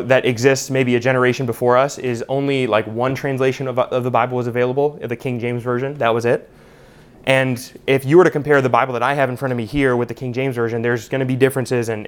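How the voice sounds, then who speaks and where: A man teaching a Bible study class in a conversational way, with lots of "you know" and "uh". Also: medium pitch. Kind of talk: unscripted teaching talk.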